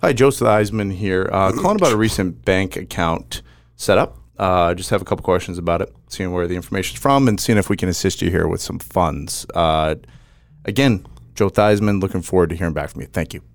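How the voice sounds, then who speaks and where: A man leaving a voicemail in a halting, put-on businesslike tone with filler ums. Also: low-pitched, dry recording. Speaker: podcast host. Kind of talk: leaving a voicemail under a made-up name.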